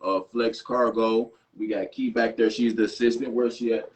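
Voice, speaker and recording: A man's voice: mid-range voice, level tone, moderate pace, slight background noise, low-quality recording. A man from Detroit, a guest in a casual interview, talking in a hyped, slangy way. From Detroit, Michigan. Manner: hyped, slangy, laughs a lot.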